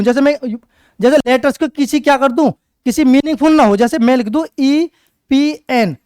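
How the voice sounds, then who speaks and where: A man's voice: very high voice, darkish tone, no room sound. A man teaching for competitive exams, repeating words and questioning students in a call-and-response style. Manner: repetitive call-and-response drilling; writes on a board while explaining. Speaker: English teacher. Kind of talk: exam-prep classroom lecture.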